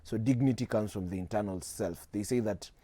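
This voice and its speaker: The studio interview guest is a nineteen-year-old man with a Kenyan accent and a lowish, dark-toned voice, captured in a dry recording. He talks earnestly and steadily, in a measured way, sprinkling in Swahili slang.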